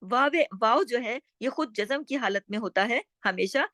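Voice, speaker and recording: A woman teaching Quran recitation step by step, explaining rules slowly and chanting words drawn out. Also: a little high, lively intonation, fairly bright tone, no room sound, clean studio sound.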